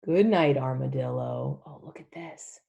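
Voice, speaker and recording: A woman leads an interactive storybook read-along for young kids, animated and emphatic, repeating simple phrases and asking questions. Her voice is extremely low with vocal fry, and she takes her time, often dropping to a whisper.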